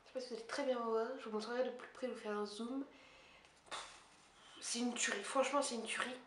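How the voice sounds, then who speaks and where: A woman beauty vlogger talking quickly and casually at home, chatty and poking fun at herself. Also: fairly high pitch, fairly even intonation, fairly bright tone. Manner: fast, chatty and self-mocking. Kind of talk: casual monthly favorites haul chat. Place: her apartment. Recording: echoey room with faint hiss.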